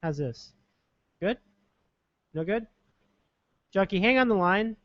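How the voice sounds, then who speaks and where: A man's voice: high voice, lively intonation, takes it slowly, a bit bright, no echo. A male podcast host in casual chat, flustered and rambling, while his call connection breaks up and drops out. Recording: dull lo-fi line dropping out.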